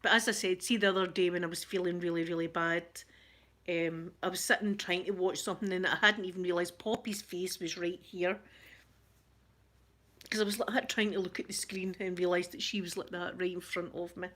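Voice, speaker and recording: A woman's voice: lowish voice, fairly even intonation, brisk. A woman with a broad Glaswegian Scottish accent hosts a casual live stream, reading out viewers' names and answering them. She chats in a rambling, friendly way, often stopping to restart a sentence. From Scotland. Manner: chatty, warm greetings to viewers, frequent laughs and self-interruptions. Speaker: ASMR channel host reading live chat.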